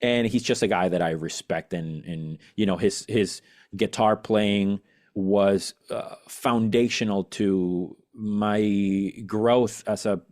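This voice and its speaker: A man's voice: on the low side, steady tone, slow pace, darkish tone. A man from Venezuela, a musician guest on a podcast, chatting eagerly and rambling with many fillers and restarts. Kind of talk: casual interview chat.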